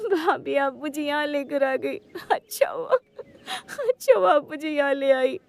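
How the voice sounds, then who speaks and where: A woman's voice: very high voice, steady tone, measured pace, darkish tone. A woman voicing a young, suffering wife in a cartoon story, talking in a pleading, tearful way. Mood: sobbing. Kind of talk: Hindi cartoon story voice acting.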